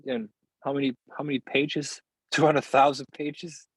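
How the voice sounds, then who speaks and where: Man, philosopher guest, husky voice, dry close sound, halting restarts. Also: mid-range voice, flat delivery, no echo, low-quality recording. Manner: searching, halting phrasing with many restarts and laughs. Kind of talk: reflective interview conversation.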